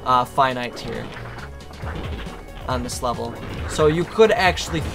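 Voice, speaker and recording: A man chatting casually while playing a co-op game, laid-back and getting excitable in fights. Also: mid-range voice, a little slow, vocal fry. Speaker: gamer. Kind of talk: co-op gaming commentary. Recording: faint game music behind.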